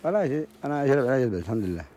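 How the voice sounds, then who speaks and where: Yemeni guy talking super fast in short bits, repeats himself, at a market. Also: medium pitch, very animated, mellow. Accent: Yemeni Arabic. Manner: short, repetitive answers. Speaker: guest. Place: outdoor market.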